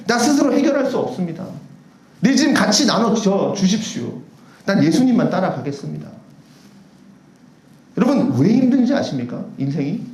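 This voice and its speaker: Male pastor, sermon delivery, very high animated voice, roomy sanctuary. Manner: animated preaching with rhetorical questions to the congregation. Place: church sanctuary.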